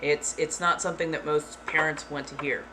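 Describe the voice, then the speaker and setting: A woman livestreaming talks to her chat frankly and bluntly in a low, deliberately monotone delivery, casually swearing now and then without fuss. A steady background noise runs beneath her voice.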